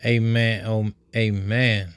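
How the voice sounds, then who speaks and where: A man's voice: lowish voice, little pitch movement, slow pace, clean tone, dry recording. A man chatting casually as a cook and co-host on a food vlog. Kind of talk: casual cooking vlog chat. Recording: close dry sound with music under it. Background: background music.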